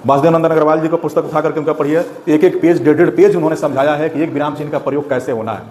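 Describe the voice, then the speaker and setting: A man's voice: on the high side, steady tone, racing, a little mellow, echoey room, slight background noise. A man teaching Hindi grammar to students, explaining step by step and often checking whether they have understood.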